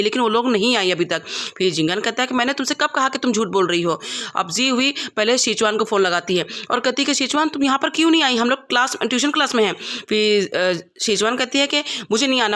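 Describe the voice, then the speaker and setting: A woman tells the story of a drama scene by scene at a quick clip. Her voice is bright and forward, and she slips the characters' lines into her own narration without changing voice. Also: on the high side. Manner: fast, quoting every character in the same voice. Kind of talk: storytelling recap with quoted dialogue.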